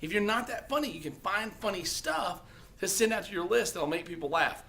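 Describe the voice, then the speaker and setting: A man's voice: sits high, expressive, a little fast, creaky, sharp tone, a little hiss or hum. A man talking casually to the camera, giving blunt, profane advice on social media and often tagging his points with "okay?". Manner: blunt and profane, with lots of "okay?" tag questions.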